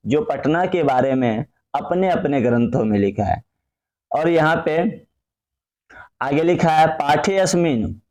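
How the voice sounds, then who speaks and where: A man's voice: medium pitch, darkish tone. A male teacher, explaining a lesson step by step in an online class and repeating key phrases.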